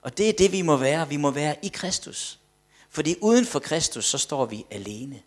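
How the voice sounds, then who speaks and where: A man delivers a fervent sermon in a husky, slightly breathy voice. His delivery swings from loud, ringing declarations down to soft, hushed asides. He often repeats words as he builds toward each point. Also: on the high side, expressive. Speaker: preacher.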